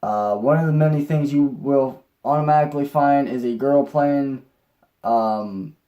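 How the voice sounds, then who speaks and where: A man's voice: mid-range voice, warm tone. A young man telling a personal story in a rambling way, with restarts and mild swearing. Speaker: vlogger.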